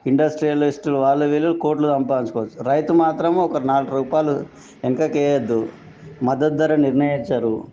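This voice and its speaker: A man with a Telangana Telugu accent leaving a phone voice message, scolding and accusing someone with rapid-fire questions. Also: mid-range voice, dark tone, dull audio. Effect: recorded phone voice message. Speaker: angry member of the public. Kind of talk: angry ranting voice message.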